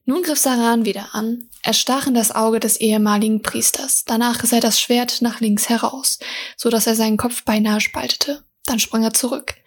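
A woman reading her own fantasy story aloud in a soft, measured way. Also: a little high, fairly even intonation, husky. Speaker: author and reader.

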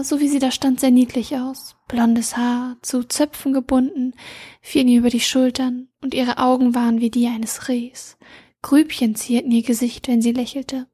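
A woman reading her own fantasy story aloud, narrating softly and often half-whispering. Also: sits high, breathy edge. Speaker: reader and author.

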